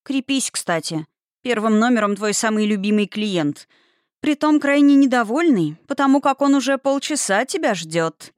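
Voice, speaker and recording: A strict, businesslike young woman who teases her colleague, read by a woman narrating a storybook. The voice is mid-pitched, and the recording is dry and close. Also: normal speed, smooth, no echo, natural voice. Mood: teasing.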